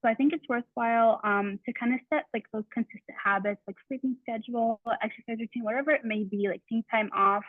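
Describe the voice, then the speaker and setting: A woman's voice: fairly high pitch, fairly even intonation, fast, hardly any pauses, no room sound. A woman in her twenties from Massachusetts, an optometry student talking casually with lots of fillers. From Massachusetts, USA. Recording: tinny phone-like dry audio.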